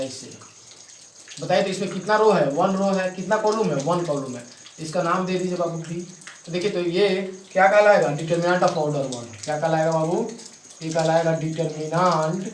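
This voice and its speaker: Guy teaching maths, keeps asking if it's clear, roomy echo, a bit off mic. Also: fairly high pitch, far from the mic, slight background noise. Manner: repeats check-ins to students, spells out steps slowly. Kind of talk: classroom maths lesson. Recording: echoey room, voice from off the mic.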